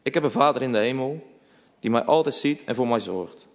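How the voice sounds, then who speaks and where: A man voicing a gentle, devout elderly woman neighbor in a children's storybook reading, speaking calmly and tenderly. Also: mid-range voice, a little fast, gravelly. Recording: long reverb.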